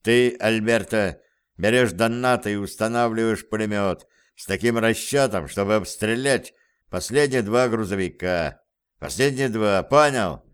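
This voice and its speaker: A man voicing a brisk male guerrilla leader who gives curt orders, read as audiobook dialogue. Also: lowish voice, clear, resonant tone, close to an everyday voice. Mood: commanding.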